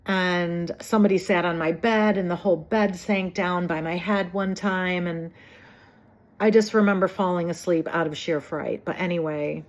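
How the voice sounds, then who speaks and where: A woman's voice: on the low side, fairly even intonation, moderate pace. A woman in her fifties from New Jersey, telling her own life story in a meandering, digressive way. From New Jersey, USA. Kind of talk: personal reminiscence.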